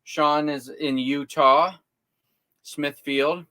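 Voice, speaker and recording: A man's voice: on the high side, fairly even intonation, extremely slow, bright, forceful tone. A man co-hosting a casual livestream from inside a camper, reading out viewer comments and joking. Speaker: co-host of an RV livestream.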